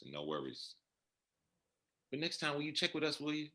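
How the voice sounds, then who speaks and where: A man's voice: on the high side, sing-song, normal speed, bright, forceful tone. A man playing a teasing, opinionated sports reporter in a comedy play reading over a video call. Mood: chatty.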